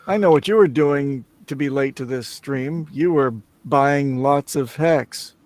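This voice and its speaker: A man's voice: mid-range voice, measured pace, a little mellow, no room sound. A man co-hosting a casual livestream chat, joking, teasing and breaking into laughter. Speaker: co-host.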